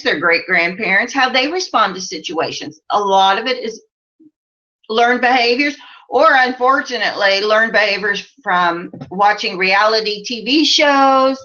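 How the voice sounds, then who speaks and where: On a muffled, lo-fi live stream, a Midwestern life coach in her forties talks in a bright, slightly high voice. She chats loosely, reads out viewer comments, says "you know" a lot, and laughs easily.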